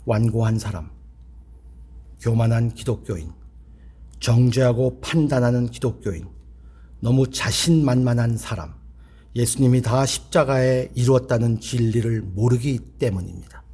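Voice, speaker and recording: A man's voice: medium pitch, moderate pace, warm tone, breathy edge. A middle-aged male pastor preaching a revival sermon in a church, telling a story earnestly and acting out the dialogue.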